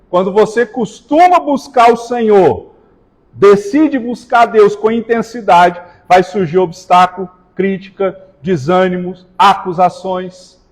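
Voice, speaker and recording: High-voiced pastor preaching in a reverberant hall. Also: male voice. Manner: preaching with slow emphatic stresses and joking asides to the congregation. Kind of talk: sermon. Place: church hall.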